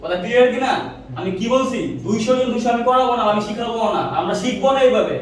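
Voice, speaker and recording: A male physics teacher lecturing a class, firing quick questions and repeating answers in a call-and-response drill. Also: very high-pitched. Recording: echoey room, mic far off.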